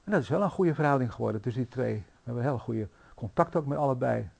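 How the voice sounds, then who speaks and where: A man preaching a sermon in a church, telling stories in a lively, anecdotal way with frequent fillers. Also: mid-range voice, fast talker, vocal fry. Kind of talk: sermon storytelling.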